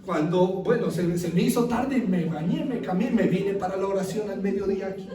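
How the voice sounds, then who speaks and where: High-voiced pastor in an echoey church. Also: male voice, brisk. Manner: animated storyteller, audience laughing along. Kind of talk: sermon with humorous personal anecdote. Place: church hall. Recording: echoey church from far off with congregation.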